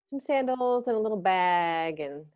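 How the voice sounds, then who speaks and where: A woman's voice: medium pitch, expressive, measured pace, darkish tone. A woman in her fifties hosting a casual video call about fashion, chatty and rambling, often trailing off mid-sentence. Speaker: host.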